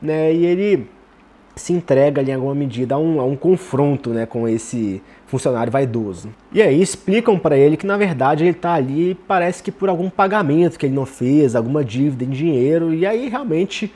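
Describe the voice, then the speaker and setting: A man's voice: on the high side, expressive, a little fast, warm tone, breathy edge. A man with a Brazilian Portuguese accent giving casual literary commentary, tagging nearly every phrase with "né".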